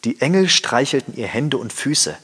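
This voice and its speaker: A man reading a fairy tale aloud with expressive storytelling. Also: mid-range voice, moderate pace, slightly rough. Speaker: reader.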